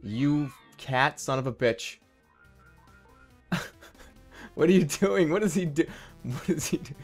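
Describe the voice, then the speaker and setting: A man's voice: a little high, expressive, takes it slowly, soft background music. A man doing comedic gameplay commentary as a streamer, incredulous, exasperated and sweary. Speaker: gaming streamer.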